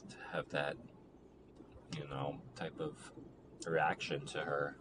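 Low-voiced young man, rambling reflective talk. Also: flat delivery. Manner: rambling, halting, reflective, with many fillers. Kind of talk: personal monologue about a relationship. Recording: noticeable background noise.

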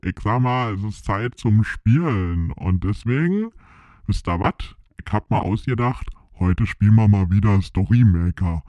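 A man's voice: fairly low pitch, expressive, measured pace, dark tone, no room sound. A man voicing Schnuffel, a cheeky male show mascot, with a Berlin accent and a brash, drawling, teasing manner. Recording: dull, lo-fi sound.

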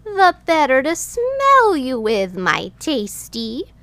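A woman's voice: high voice, wildly swooping pitch, takes it slowly, fairly bright tone, dry recording, voice pushed up, heavily acted. A woman voicing a wicked male wolf in disguise, coaxing and sweetly sinister.

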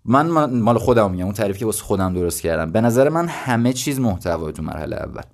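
Animated and lowish in pitch, this Iranian podcast host in his twenties talks through ideas on his casual solo show. He thinks aloud conversationally and drops self-deprecating asides.

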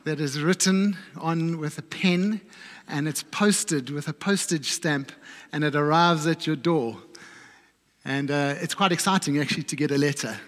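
A man preaching a sermon, telling a personal story in a reflective way and often dropping his voice low and soft. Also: long reverb tail. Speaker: pastor. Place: church.

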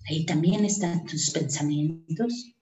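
A woman host guiding listeners in short, unhurried phrases with long pauses, as in a meditation. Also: sits low, mellow. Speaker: host leading a guided breathing meditation. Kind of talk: guided meditation, slow and soothing instruction. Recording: roomy, echoing sound.

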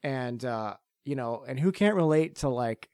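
A man chatting on a casual podcast, rambling through long, excited thoughts. His speech is packed with "like" and "you know". His voice is mid-pitched and dry, close to the mic with no room echo. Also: measured pace. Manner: rambling, enthusiastic, many fillers. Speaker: podcast host. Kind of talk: casual chat.

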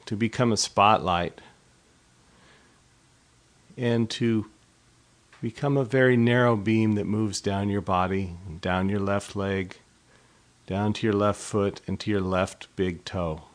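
Pitched fairly low, this male meditation instructor leads a guided body scan. His delivery is measured and gently instructive, broken up by pauses between phrases.

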